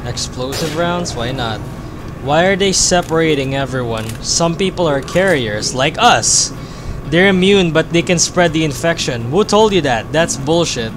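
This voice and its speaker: A man giving casual let's-play commentary, excitable and swearing, often breaking into shouts. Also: fairly high pitch, a little slow. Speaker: gaming video host. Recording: game audio noise underneath. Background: game sound effects and gunfire.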